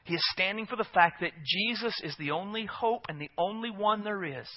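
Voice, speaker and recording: High-voiced preacher man, muffled recording. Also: brisk. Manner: earnest, emphatic preaching with rhetorical questions. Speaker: pastor. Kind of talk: sermon.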